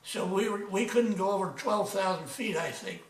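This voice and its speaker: A man of ninety-eight, an old veteran remembering his service in a casual interview, halting and repeating words as he goes. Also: high voice, animated. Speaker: retired army major, war veteran. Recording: echoey room, distant from microphone.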